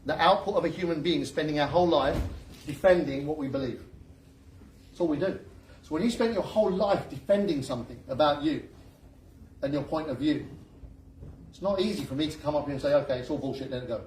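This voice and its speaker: A man's voice: a little high, a little fast, long pauses, slight background noise. A man giving a motivational seminar talk, joking and firing questions at the audience. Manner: lively, joking, asks the crowd questions. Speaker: seminar speaker. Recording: echoey room recorded from a distance.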